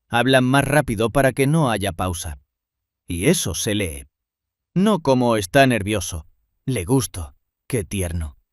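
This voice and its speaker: A man giving scripted narration in measured, short phrases with pauses. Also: mid-range voice, no room sound, clean studio sound.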